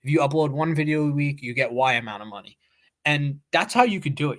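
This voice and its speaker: A man co-hosting a podcast, talking casually and emphatically, with lots of "like" fillers. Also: medium pitch. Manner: talkative, emphatic, many "like" fillers. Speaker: podcast co-host. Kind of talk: casual chat.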